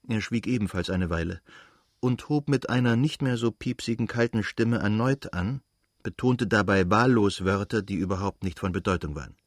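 Husky low-voiced male narrator. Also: moderate pace, no echo, clean studio sound. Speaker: audiobook narrator. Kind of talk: scripted narration of a novel.

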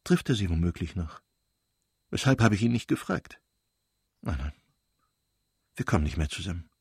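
A man voicing a bitter, furious betrayed noblewoman in a shrill, raised voice. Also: sing-song, normal speed, breathy edge, no room sound, studio quality, full character voice. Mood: bitter, brooding. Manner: shrill, screaming outbursts.

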